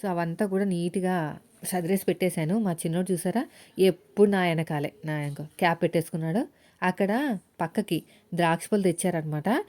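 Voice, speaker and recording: A woman with a fairly low, mellow voice talks a little fast as she cooks in her home kitchen. She's a housewife vlogger chatting straight to her viewers and telling little stories along the way.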